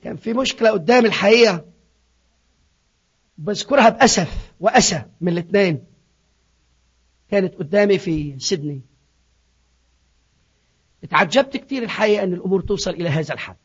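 A man preaching a sermon, swinging from hushed asides to shouted appeals. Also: high-pitched, animated, fairly quick, pauses often, breathy edge. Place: church in Sydney. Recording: dull lo-fi recording.

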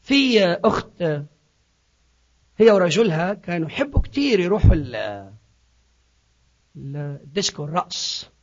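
A man preaching a sermon, swinging from hushed asides to shouted appeals. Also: sits high, animated, normal speed, pauses often. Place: church in Sydney. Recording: dull lo-fi recording.

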